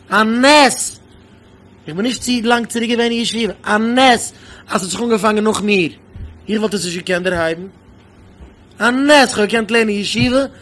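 A man's voice: high-pitched, a bit bright. A man speaking as a rabbi in an impassioned sermon, pressing his point with repeated rhetorical questions.

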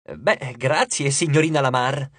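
A man's voice: medium pitch, unhurried, a bit bright, dry recording. A man voicing a cheeky, theatrical schoolboy who plays director, with a hammy, bossy delivery. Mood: wry.

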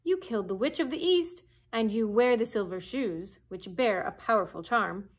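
Woman doing Oz, a booming wizard head. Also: lively intonation, lightly acted. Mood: commanding. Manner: commanding, loud and slow. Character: booming giant head of a great male wizard.

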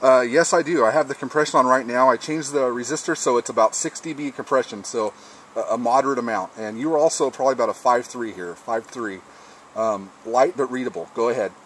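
A man chats casually as he tests his amateur radio rig at an outdoor patio table near a lawn. He speaks with a medium pitch and a slightly fast pace. The outdoor recording has faint background noise.

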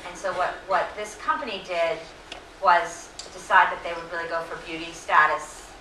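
A middle-aged woman answering audience questions at a lecture, earnest and full of fillers and self-corrections, her voice slightly hoarse. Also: fairly low pitch, steady tone, moderate pace, pushed and bright, slight background noise. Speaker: invited lecture speaker. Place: lecture hall. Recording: echoey room, distant mic.

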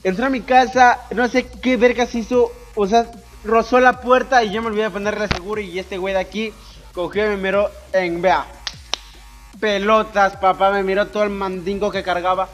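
A high-pitched young man from Ecuador doing a casual question-and-answer voice-over. He jokes loudly and crudely and swears a lot. Faint music plays behind him. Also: little pitch movement, normal speed. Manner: boisterous, crude joking with lots of swearing. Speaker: YouTuber answering viewer questions.

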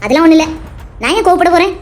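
A woman's voice: very high-pitched, expressive, very fast, soft background music. A woman voicing a young wife in a cartoon, soothing and teasing the grandmother. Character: young wife, warm and playful. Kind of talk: cartoon voice acting.

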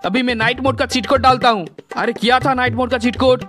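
A man's voice: extremely high pitch, fairly even intonation, fast talker, fairly bright tone. A man voicing a bragging but cowardly young man in a comic game video, yelping in panic. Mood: boastful. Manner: bragging then panicky, yelps in alarm. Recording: background music.

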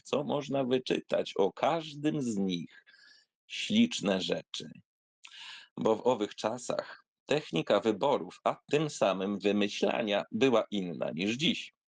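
A man with a mid-range voice narrates a literary essay aloud, giving a theatrical reading of a memoir. His storytelling is expressive, wry and conversational, and there is no echo.

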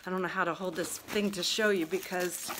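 An older woman chatting excitedly and a bit out of breath while unboxing a package at home, getting sidetracked as she talks. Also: lowish voice, fairly quick, very noisy. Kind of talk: casual unboxing vlog. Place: at home, indoors.

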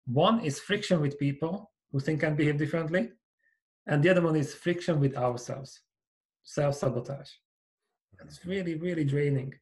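A man in his forties from Hungary with a Hungarian accent, speaking as a guest on a podcast over a video call, earnest and measured as he explains his ideas. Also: on the high side. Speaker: company founder, guest. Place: small home office with bookshelves. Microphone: over-ear headset with boom mic.

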